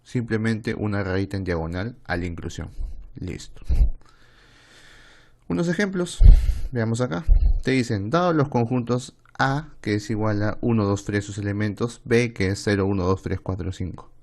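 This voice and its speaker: A man with a Peruvian Spanish accent and a fairly low voice teaches a math lesson online. He goes step by step, asks questions aloud in a student's voice and answers them himself, and often stops to check with "¿está bien?". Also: expressive, moderate pace. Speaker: math tutor.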